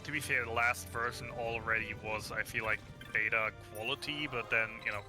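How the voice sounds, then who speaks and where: A man who has a cold talks casually as a guest game expert on a live stream. He is on a voice call, and music plays clearly behind him. His pitch sits in the middle of the usual male range. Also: steady tone, brisk. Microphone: voice call over Discord.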